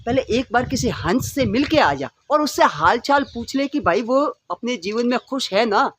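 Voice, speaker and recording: A man doing a deep, calm old sage. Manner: soothing, slow. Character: calm old male sage, patient and kindly. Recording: noisy recording.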